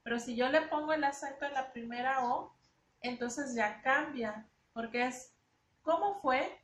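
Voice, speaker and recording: High-voiced woman teaching in an echoey room. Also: steady tone, moderate pace, a bit bright. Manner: explanatory, repeats words while teaching. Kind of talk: spoken grammar lesson.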